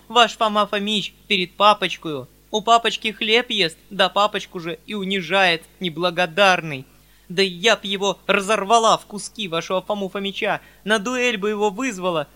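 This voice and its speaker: A man voicing a fiery, outspoken young girl who shouts in defence of her father. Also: high-pitched, normal speed. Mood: defiant. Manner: shouting, indignant, tearful pleading.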